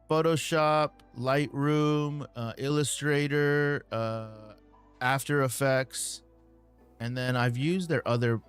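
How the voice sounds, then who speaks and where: A man hosting a casual live stream, answering viewer questions in a relaxed way with many ums and uhs. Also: mid-range voice, clear, resonant tone.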